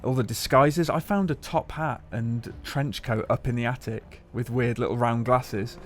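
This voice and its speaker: A man, co-hosting a casual chat over gameplay footage, relaxed and chatty with casual swearing. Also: mid-range voice, moderate pace. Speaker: games journalist, co-host.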